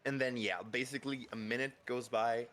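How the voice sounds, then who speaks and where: A man's voice: medium pitch, steady tone, moderate pace, a bit bright. A man narrating a tabletop game as game master, rambling with many fillers and restarts.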